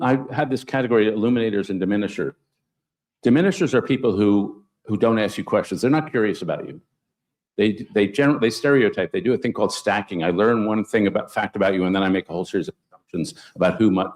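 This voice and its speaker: A man speaking on a conference panel, telling anecdotes with sudden upward jumps in pitch for emphasis. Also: fast, a little mellow. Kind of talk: panel discussion storytelling.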